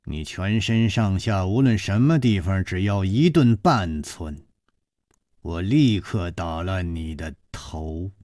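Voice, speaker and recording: Icy fierce martial-arts woman, voiced by a man, hard and menacing, low and hushed, slow and dry. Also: animated, no echo. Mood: cold menacing.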